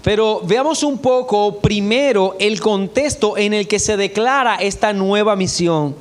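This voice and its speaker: A man, a pastor, preaching an expository sermon in a church in a measured way and reading scripture aloud. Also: sits high.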